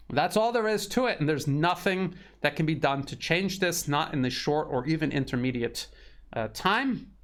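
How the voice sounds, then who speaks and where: A man delivering solo news commentary, reading out articles and stressing points in a measured, emphatic way, sometimes repeating words. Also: medium pitch. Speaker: political commentator.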